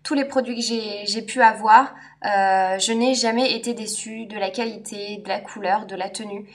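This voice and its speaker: A woman's voice: medium pitch, fairly even intonation, normal speed. A woman beauty vlogger giving a casual makeup review, chatty and enthusiastic, with frequent hesitant fillers. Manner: enthusiastic and friendly. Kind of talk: casual product review vlog.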